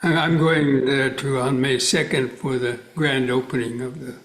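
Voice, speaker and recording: A man, a Buddhist monk, chatting on a video call and then leading slow Pali chanting in a measured, droning voice. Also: medium pitch, steady tone, roomy sound. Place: meditation center livestream.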